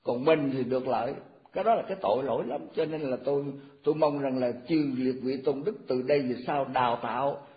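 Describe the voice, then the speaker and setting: A man's voice: medium pitch, brisk. A man in his eighties, a Buddhist monk, giving an informal, folksy dharma talk and rattling off memorized verse formulas. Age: 80s. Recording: echoey, muffled recording.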